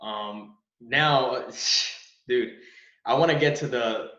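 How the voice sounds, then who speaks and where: A man's voice: medium pitch, slow pace, fairly bright tone. A man hosting a podcast, asking questions in a laid-back way and calling his guest "bro" and "dude". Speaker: podcast host. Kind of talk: casual interview chat. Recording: roomy, dull sound.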